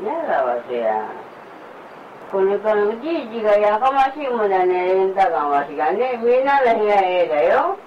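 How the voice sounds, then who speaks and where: A woman's voice: mid-range voice, big pitch swings, normal speed, slight background noise. An older woman grumbling and repeating the same complaints, recorded at home. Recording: distant, dull home recording.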